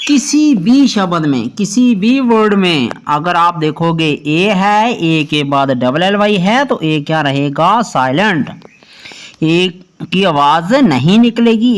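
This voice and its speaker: Lively high-pitched male teacher. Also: measured pace. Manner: lively teaching tone, keeps asking "clear?". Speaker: English teacher, channel host. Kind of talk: Hindi-language video lesson on English pronunciation.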